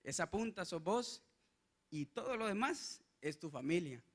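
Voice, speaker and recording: Man, Guatemalan Spanish accent, testimony sermon, earnest, halting, fairly high-pitched. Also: animated. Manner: earnest, halting with many restarts and fillers. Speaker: lay preacher.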